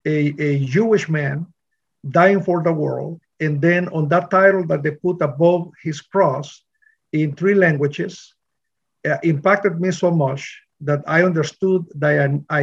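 A middle-aged man from Honduras, a pastor telling his testimony in an interview, earnest and full of pauses and restarts. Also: on the high side, vocal fry, slightly rough, lo-fi sound. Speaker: pastor, guest.

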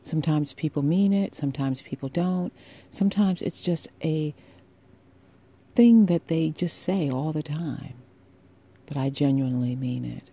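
A woman hosting a solo podcast with a sultry, husky voice, speaking intimately and deliberately with emphatic pauses, affectionate and encouraging toward listeners. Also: sits low, mellow. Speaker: podcast host.

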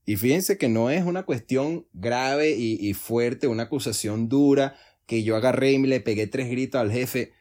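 A man's voice: mid-range voice, moderate pace, hardly any pauses, a little mellow. A man, hosting a solo podcast, explaining earnestly and acting out little dialogues in changing voices. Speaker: podcast host.

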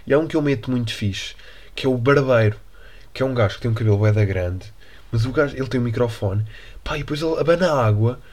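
A man's voice: mid-range voice, fast talker, a little mellow. A young man from Portugal with a European Portuguese accent, hosting a casual solo podcast in a rambling, slangy, joking way. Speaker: podcast host.

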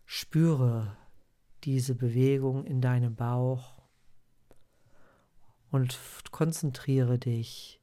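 A man with a mid-range voice leads a guided meditation like a sleep-story narrator. He takes his time, speaking slowly and calmly. His instructions are personal and gentle in manner, addressed to one listener. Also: medium pitch. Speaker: podcast host guiding meditation.

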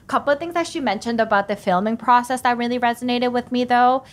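A woman's voice: a little high, fairly even intonation, fast. A woman co-hosting a podcast, recapping what she read in a casual chat with some swearing. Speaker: podcast co-host.

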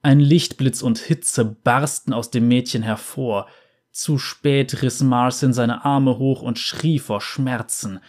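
A man narrating a fantasy story in a calm, steady voice. His pitch sits in an ordinary middle range. He reads evenly and with care, as in a book read aloud. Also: takes it slowly.

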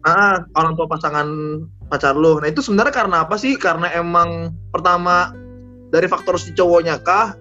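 A man from Padang hosts a casual chat, asking questions quickly and teasing his guest with jokes. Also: on the high side, sharp tone, lo-fi sound, faint music behind. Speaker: podcast host.

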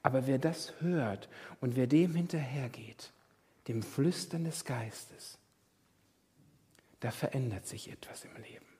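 Husky pastor preaching in a reverberant hall. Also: male voice, mid-range voice, measured pace. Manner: rhetorical questions, swings from loud to whispered. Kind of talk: sermon. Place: church hall. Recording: long church hall reverb.

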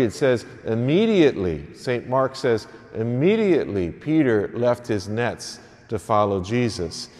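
A man's voice: mid-range voice, mellow. A man serving as a priest, reading the gospel and then preaching to an early morning Mass in a church. He speaks in an earnest, plain manner and sometimes repeats a word as he goes. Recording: long echoing church reverb.

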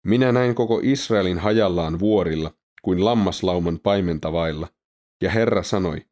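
A man's voice: low voice, a little mellow, close to an everyday voice. A man voicing a stern, defiant prophet who speaks in a solemn, declaiming manner.

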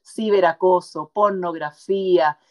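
A woman's voice: on the low side, fairly even intonation, measured pace. A woman guest author speaking passionately and emphatically in an interview conversation.

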